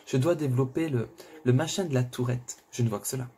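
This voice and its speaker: A man reads a thriller aloud in the first person. His voice is mellow and dark, mid-pitched, and he colors the narration with sudden cries and despair. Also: fairly quick, a little hiss or hum. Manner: expressive, swings between narration and outbursts. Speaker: reader of a thriller. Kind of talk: dramatic first-person reading.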